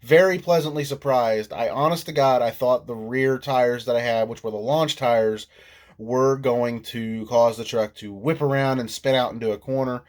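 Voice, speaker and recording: Male vlogger with a head cold, nasal tone, mid-pitched, chatty and self-deprecating, casual recap. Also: fairly even intonation, moderate pace, a little mellow. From Illinois. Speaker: RC monster truck vlogger. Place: indoors at home.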